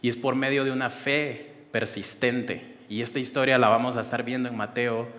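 A man's voice: mid-range voice, fairly even intonation, moderate pace, fairly bright tone. A male pastor giving a sermon, earnest and conversational, leading a spoken prayer and retelling a story with casual asides. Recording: long hall reverb.

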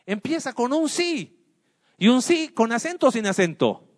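A man's voice: extremely high pitch, big pitch swings, normal speed, big-room sound. A man teaching a Bible study lesson. He asks his listeners questions, answers them himself and explains with everyday examples.

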